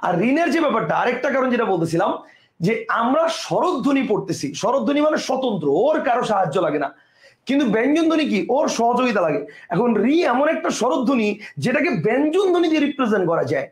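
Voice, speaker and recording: Bangladeshi guy teaching online, really high voice, echoey room, keeps checking if students get it. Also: sing-song, fast. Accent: Bangladeshi Bengali. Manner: asks students again and again if they understand. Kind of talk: online lecture. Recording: roomy echo.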